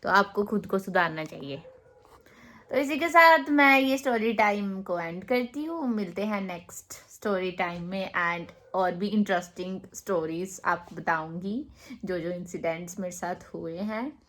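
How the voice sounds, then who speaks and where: A woman telling a childhood story in a casual vlog, animated and mixing in English words. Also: medium pitch, unhurried. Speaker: storytime vlogger.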